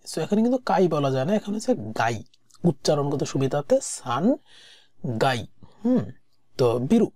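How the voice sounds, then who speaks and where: A woman teaching a language-exam lesson, saying each word slowly and repeating it before she explains it. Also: low voice, dark tone, dry recording.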